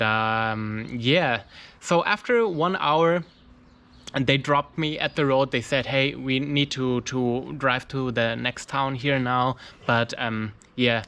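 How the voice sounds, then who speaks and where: Speaking informal English as a second language after German, a male mountaineer vlogger from Germany recounts a trip, often restarting and filling pauses while he searches for words. His voice sits in the mid range and is slightly bright.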